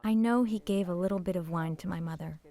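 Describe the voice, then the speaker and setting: Older woman giving halting testimony. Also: lowish voice, mellow. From Poland. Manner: halting, emotional, drops to whispers at painful moments. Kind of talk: personal testimony.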